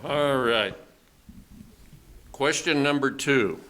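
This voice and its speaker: A man's voice: mid-range voice, very slow, a bit bright, slight background noise. An older man moderating a forum, reading out questions in a casual, joking way.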